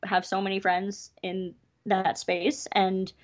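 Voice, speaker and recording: A woman who works as a festival variety performer, chatting in an interview in an upbeat, chatty way full of quick asides. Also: medium pitch, completely flat delivery. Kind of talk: casual interview chat. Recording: dull lo-fi sound.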